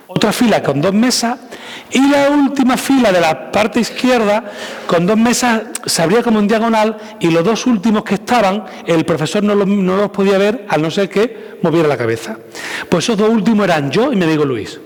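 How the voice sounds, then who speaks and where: A man tells stories to a live audience, jumping between voices as he acts out every quote. His voice sits a little high for a man, and it rings out with a long reverb, as though he were at the front of a big hall. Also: normal speed. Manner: animated, acts out quotes with shifting pitch and volume. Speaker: public speaking trainer giving a talk. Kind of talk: storytelling lecture to a live audience.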